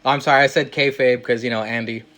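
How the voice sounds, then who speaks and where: A man hosting a casual podcast interview, upbeat and quick to laugh at himself. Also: mid-range voice, steady tone, fairly bright tone. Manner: upbeat, laughs easily, self-mocking. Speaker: podcast host.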